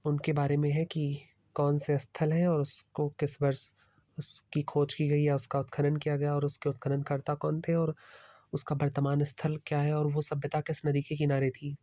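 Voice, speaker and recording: A man's voice: a little high, mellow, no room sound. A man teaching exam prep by walking through slides. He explains steadily and mixes English terms into his Hindi. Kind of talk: slide-based lecture.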